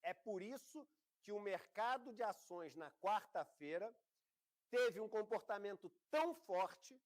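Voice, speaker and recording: A man with a Brazilian Portuguese accent gives a classroom lecture on investing. His voice sits high. He explains in a loose, conversational way. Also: animated, unhurried. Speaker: investment course instructor.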